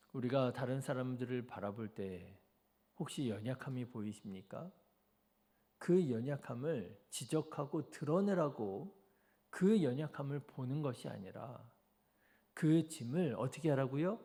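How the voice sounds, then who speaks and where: Korean pastor preaching, mellow voice. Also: male voice, mid-range voice, lively intonation, unhurried. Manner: preaching with rhetorical questions to the congregation. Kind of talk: dawn service sermon. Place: church sanctuary.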